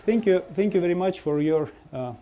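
A man from Russia with a Russian accent gives an informal slideshow talk as a visiting bishop, speaking halting non-native English and searching for words. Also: sits high, animated, dull audio, background noise. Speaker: bishop giving a guest presentation.

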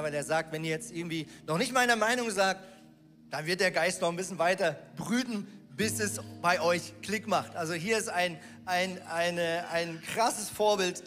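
High-voiced male preacher in a reverberant hall. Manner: casual and lively, with slangy asides. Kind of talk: sermon. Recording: long reverb with music underneath. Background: music.

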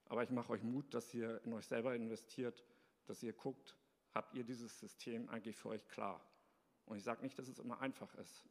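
A man's voice: medium pitch, steady tone, normal speed. Earnest man in an echoing hall. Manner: earnest, encouraging. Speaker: speaker of a short devotional talk. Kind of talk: earnest devotional talk. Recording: long reverb in a hall.

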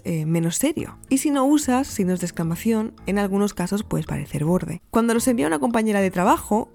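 A young woman with a Spain Spanish accent hosts a podcast, delivering a chatty scripted monologue that is emphatic and full of playful self-mocking asides. Her medium-pitched voice is gravelly and mellow, with faint music behind it.

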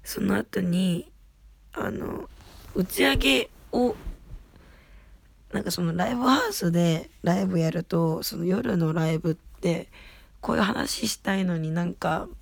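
A woman with a raspy, husky voice, an idol hosting her own radio show, rambling along in casual, self-deprecating solo chat. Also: fairly low pitch, measured pace, no room sound.

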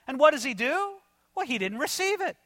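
A man preaching an expository sermon in an animated, conversational way, addressing his listeners as friends. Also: very high-pitched, a little fast, no echo, clean studio sound. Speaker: pastor.

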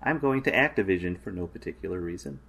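Low-voiced man reading facts dryly. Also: animated, quick pace, vocal fry, fairly bright tone, husky. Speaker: podcast co-host. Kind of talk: casual podcast, reading facts aloud.

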